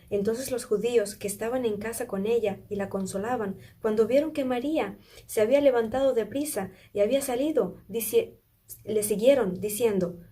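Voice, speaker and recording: A woman delivers a sermon, retelling a Bible story with earnest feeling. Her voice is mellow and dark in tone, and she often stops to put questions to her listeners. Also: medium pitch, slightly rough. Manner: earnest, asks listeners questions, small restarts. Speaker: preacher.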